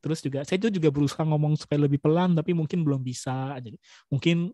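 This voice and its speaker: A young man speaking as a guest in a casual webinar chat, relaxed and chatty, with many fillers and restarts. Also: on the high side, fast, no room sound.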